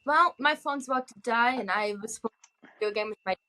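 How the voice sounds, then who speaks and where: A young woman with a bright, slightly high voice joins a casual podcast chat. She mostly answers in short, quick replies. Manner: brief reactions, laughs. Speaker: podcast co-host.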